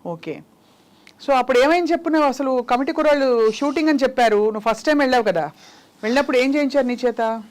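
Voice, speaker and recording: A young woman with a high, darkish voice hosts an interview at a quick pace. Speaking with a Telugu accent, she coaxes and teases a small child using short questions.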